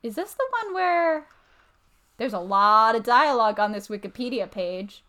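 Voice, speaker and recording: A woman's voice: a little high, animated, moderate pace, bright, forceful tone, clean tone. Chatty woman co-hosting a podcast. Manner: interjecting, hesitant, chatty. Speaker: podcast co-host. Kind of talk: casual podcast chat.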